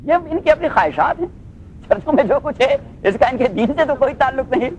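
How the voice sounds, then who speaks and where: A male Islamic scholar giving a Quran commentary class, reciting Arabic phrases slowly, then explaining them and checking with his listeners, with English phrases mixed in. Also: very high voice, expressive, a little mellow, dull audio, slight background noise. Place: class in Los Angeles.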